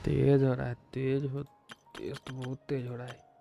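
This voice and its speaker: A man's voice: mid-range voice, level tone, normal speed, creaky, dark tone, faint music behind. Doting man. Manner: coaxing, doting baby talk to his pet cat. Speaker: game streamer. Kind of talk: casual live-stream chat. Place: at home with his cat. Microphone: desk microphone.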